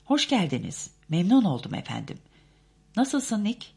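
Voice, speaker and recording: A woman voicing an irritated rich man, speaking loudly in an audiobook. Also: medium pitch, big pitch swings, measured pace, creaky, breathy edge, pitched above the performer's own voice, full character voice. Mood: falsely polite. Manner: loud, irritated. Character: angry rich man on the phone.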